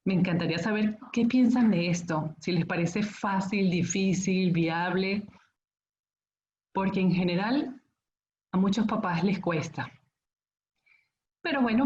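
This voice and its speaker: A middle-aged woman giving a calm, explanatory talk to parents, often checking in with her listeners as she goes. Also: mid-range voice, echoey room, highs cut off, slight background noise. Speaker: school conference speaker.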